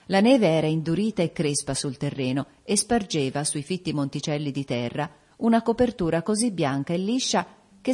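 A woman narrating an audiobook of a classic ghost story in a measured, literary way. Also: lowish voice, a little mellow.

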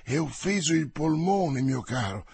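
A man voicing a bold, quick-witted young musketeer in an audiobook reading, with a husky voice and a mocking tone. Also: on the high side, lively intonation, a little mellow, no echo, heavily acted. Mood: wry.

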